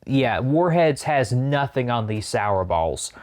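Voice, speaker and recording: A man hosts a food challenge, talking casually to the camera as he eats sour candy. His voice sits at an ordinary male pitch, with an informal, conversational delivery. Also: sing-song, slow pace, darkish tone.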